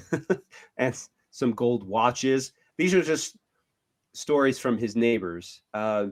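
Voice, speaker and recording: A man's voice: medium pitch, a bit bright. Hesitant man co-hosting a podcast. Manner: hesitant, lots of fillers. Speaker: podcast co-host. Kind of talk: casual chat.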